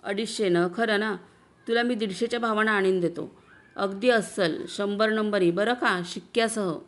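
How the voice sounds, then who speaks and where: A woman reading the part of a boastful, smooth-talking middle-aged husband in a story, coaxing and self-assured. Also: medium pitch, normal speed, lightly acted.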